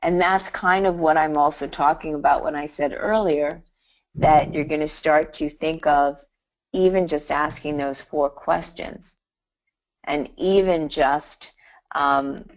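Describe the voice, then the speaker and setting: A middle-aged hypnotherapy instructor teaches on a live online call, telling stories chattily with frequent restarts and "you know". Her voice is deep with vocal fry, and the recording sounds muffled.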